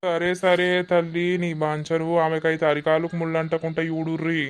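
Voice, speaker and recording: A man's voice: on the high side, monotone, moderate pace, clean tone, natural voice. A worried cartoon villager, voiced by a man speaks in a plain, mid-range voice with a Telangana Telugu accent. He sounds anxious and pleading. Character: worried village man searching for a missing wife.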